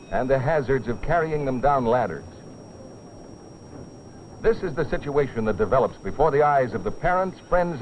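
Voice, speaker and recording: Over a dull vintage film soundtrack with music and a little hiss or hum, a man of medium pitch narrates a safety training film. He treats it as a dramatic scripted story, sounding grave, urgent and theatrical.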